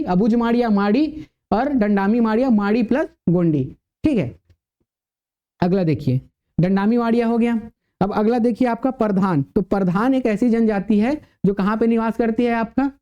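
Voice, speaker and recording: A man's voice: high-pitched, clear, resonant tone, lo-fi sound. A male teacher giving a classroom lecture, asking the class questions and answering them himself.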